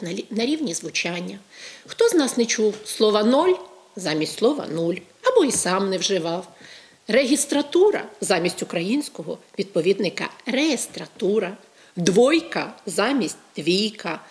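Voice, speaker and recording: Female language expert from Ukraine; calm, measured TV explainer who leans on each example. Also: mid-range voice. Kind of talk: educational talk on television.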